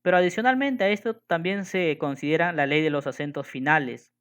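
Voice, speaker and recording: A man gives a classroom lesson on poetry in a smooth, clear voice that sits a little high and sounds a bit bright. Patiently, he repeats every rule, counts syllables slowly one at a time, and keeps asking "¿de acuerdo?" to make sure students follow.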